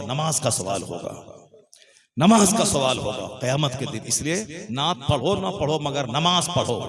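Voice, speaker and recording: A man preaching a sermon at a public gathering, in words, asking the listeners questions and driving points home repeated lists. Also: fairly high pitch. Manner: rhetorical questions to the crowd, repetitive emphatic lists. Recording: live crowd audible behind the voice.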